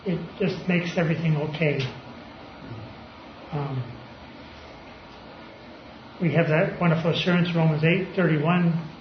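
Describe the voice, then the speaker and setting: High-voiced man teaching scripture. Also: fairly even intonation, unhurried, long pauses, slight background noise. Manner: conversational, with fillers and throat clearing. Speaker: preacher. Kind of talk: informal Bible teaching. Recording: roomy, slightly dull recording.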